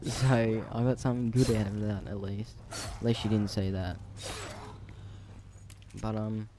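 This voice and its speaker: Rambling Australian teen guy, flat and low. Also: measured pace, noisy background. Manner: rambling, full of ums and restarts. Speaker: storyteller vlogger. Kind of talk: casual storytime vlog.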